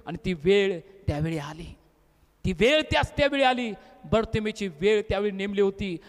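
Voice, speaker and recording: A man pastor preaching a sermon, telling the story dramatically and acting out crowd voices, rising to shouts. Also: high-pitched, lively intonation, moderate pace. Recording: long hall reverb.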